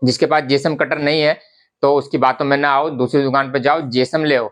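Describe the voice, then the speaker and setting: Speaking a little fast in a fairly bright, steady mid-range voice, this man runs a garment business vlog and explains fabric quality to the camera. His casual teaching style is chatty and repetitive, and he addresses viewers as brothers.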